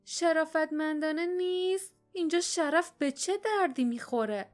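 A woman voicing a fierce, small, wiry young woman with a sharp, scornful way of talking. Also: sits high, soft background music, voice pushed up, natural voice.

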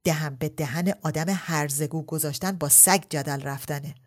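A woman voicing a sharp-tongued, quick-tempered older aristocratic woman who fires off biting, scolding retorts in a storybook reading. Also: deep voice, fairly even intonation. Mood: scolding, indignant.

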